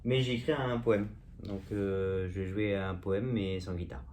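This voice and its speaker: Man in his thirties with a lowish voice, reads his own comic poem at home, deadpan and self-mocking. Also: a little slow, a little hiss or hum. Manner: self-mocking, jokey asides between verses. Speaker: amateur poet reciting his own poem. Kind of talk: casual home video poetry reading. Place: at home, indoors.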